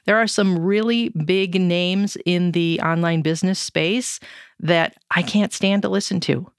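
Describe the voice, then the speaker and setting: A woman's voice: fairly low pitch, no echo, studio quality. A woman hosting a solo podcast, talking candidly and reflectively about lessons from running an online business, with a touch of sarcasm.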